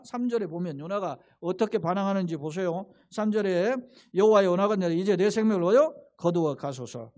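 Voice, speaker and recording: A man preaching a sermon in church as pastor, asking the congregation questions and building to loud rising calls. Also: sits high. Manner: asks the congregation questions and answers them himself. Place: church sanctuary.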